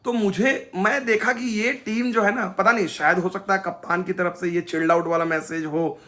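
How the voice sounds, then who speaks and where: A man with a high, bright voice tells story after story as a fan reporter. He mixes Hindi and English and acts out what others said to him. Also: moderate pace. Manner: animated storyteller, mixing Hindi and English, acting out quotes. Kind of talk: casual interview anecdotes.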